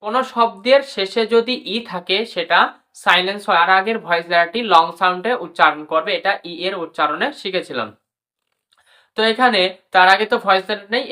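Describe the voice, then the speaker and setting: A woman with a fairly low, pushed and bright voice leads a pronunciation lesson in English. She spells out letters, drills vocabulary, repeats every rule and speaks to viewers as brother and sister.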